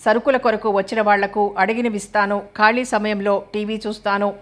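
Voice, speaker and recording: A woman's voice: mid-range voice, level tone, brisk, close to an everyday voice. Vain, lazy young wife, defiant, read by a woman narrator. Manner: careless, defiant.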